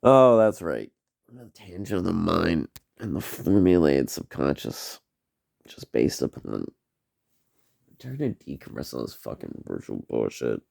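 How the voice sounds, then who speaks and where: A man's voice: low-pitched, big pitch swings, measured pace, creaky, a little mellow. A man giving a rambling, profane solo vlog monologue, trailing off on tangents and tagging "man" onto his sentences. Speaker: vlogger.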